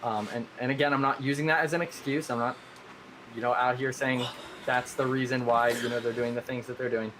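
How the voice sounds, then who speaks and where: A man's voice: mid-range voice, steady tone, brisk. A man in the middle of his range explains his server's rules on a live stream. He is earnest and rambling and keeps correcting himself mid-sentence. A faint background hiss runs under the recording. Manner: earnest, rambling, self-correcting with many restarts. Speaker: game server owner.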